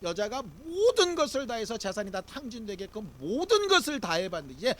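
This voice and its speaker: A man's voice: sits high, wildly swooping pitch, brisk, a bit bright. A man preaching a Sunday sermon as pastor, talking in a conversational way with rhetorical questions and leading the congregation in reading scripture aloud.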